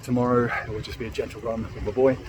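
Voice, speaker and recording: British bloke doing casual vlog chat, mid pitched voice, noisy outdoor sound. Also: male voice, level tone, fast talker. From Britain. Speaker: running vlogger. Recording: noisy outdoor recording with ambience, vehicles.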